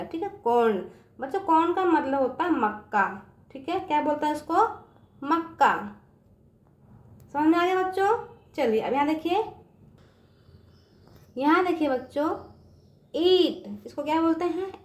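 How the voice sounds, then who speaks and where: A woman's voice: high voice, lively intonation, unhurried, pauses often, reverberant. A woman teaching English words to children in a patient, repetitive way, often checking that they understand. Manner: patient, repetitive, often asks "समझ में आ गया बच्चों?". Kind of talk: online English lesson for children.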